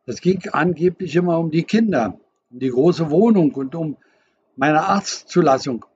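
A stern, suspicious middle-aged father, read by a male narrator, insistent and bitter in every line. His voice is slightly husky and a little raised. The audiobook recording sounds dull and lo-fi. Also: a little high, normal speed, a little mellow. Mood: accusing.

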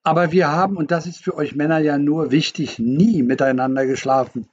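A man reading the part of a wounded middle-aged mother with a soft, gentle voice, defensive and reproachful. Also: fairly high pitch, fairly even intonation, fairly quick, husky, lo-fi sound.

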